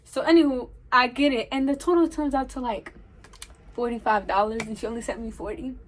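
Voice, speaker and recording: High-voiced young woman telling a story. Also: brisk, slight background noise. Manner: animated storytelling, acting out quoted dialogue. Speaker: vlogger. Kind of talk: storytime vlog.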